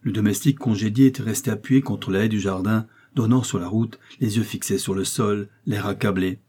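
A man reading a classic novel aloud as an audiobook, in a measured storytelling manner. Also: lowish voice, dark tone, husky. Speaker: audiobook reader. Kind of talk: literary audiobook narration.

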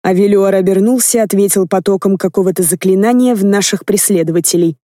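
A woman reading a first-person fantasy audiobook with lively, expressive narration. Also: mid-range voice, fast talker, no room sound, clean studio sound. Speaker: audiobook reader.

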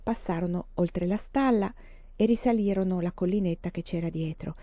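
Lady reading a book aloud, calm and steady, dry close mic. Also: lowish voice, dry recording. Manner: calm, measured narration. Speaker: reader. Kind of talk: audiobook reading. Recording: dull lo-fi dry recording.

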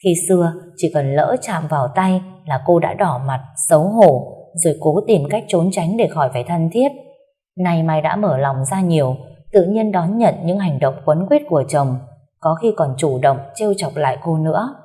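A woman narrating a romance story aloud in a gentle, steady storytelling manner. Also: deep voice, normal speed.

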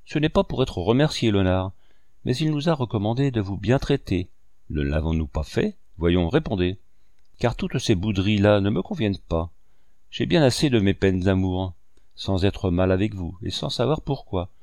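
Brief: reproachful, affectionate young woman in an audiobook read by a low-voiced man, dry close sound. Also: animated, normal speed, a little mellow, dry recording. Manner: indignant, pleading questions. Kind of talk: audiobook reading.

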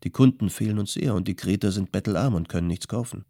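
A male audiobook reader voicing a settled young potter who calmly gives practical advice. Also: lowish voice, quick pace, no room sound, clean studio sound. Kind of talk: audiobook character voice.

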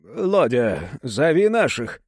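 A man's voice: medium pitch, very animated, takes it slowly, breathy edge, no echo, clean studio sound, full character voice. A man voicing a menacing shaven-headed male thug boss who talks in a threatening, bossy way.

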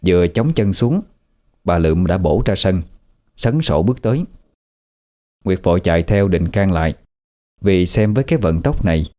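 A man narrating a horror story in a vivid, measured way. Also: low-pitched, mellow.

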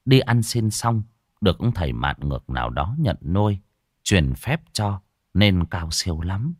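A male storyteller telling a ghost story in a folksy, colloquial way. His voice is low but swings widely in pitch. The sound is dry and close to the mic. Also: sing-song, unhurried, no echo.

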